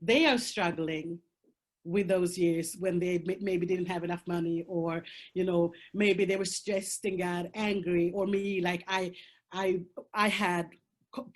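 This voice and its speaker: A Swedish woman, a native Swedish speaker, talks in Swedish-accented English as a panel guest over a video call, her voice low, steady, and measured. She is candid and emphatic, swearing and laughing her way through difficult topics.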